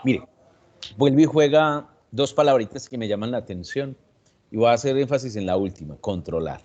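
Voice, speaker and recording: A man with a Colombian accent, a psychologist explaining anxiety in a reflective, measured way, pausing and restarting as he thinks. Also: mid-range voice, animated, a little mellow, lo-fi sound. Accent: Colombian Spanish. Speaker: psychologist guest. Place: online video session.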